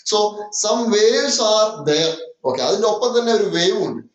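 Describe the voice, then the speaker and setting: A man's voice: sits high, big pitch swings, slow pace, echoey room, low-quality recording. A man teaching a chemistry lesson with a Malayali accent, switching between English and Malayalam, repeating points with many "okay"s. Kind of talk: classroom lecture.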